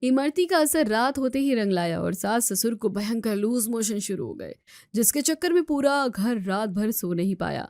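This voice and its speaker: Woman narrator, high-pitched, dry close sound, story narration. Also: animated, normal speed, darkish tone, no room sound.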